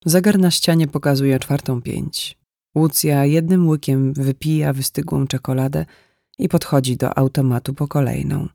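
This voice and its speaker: Calm male story narrator, gravelly, dark and mellow tone. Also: a little high, moderate pace, no echo, studio quality. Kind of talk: literary audiobook narration.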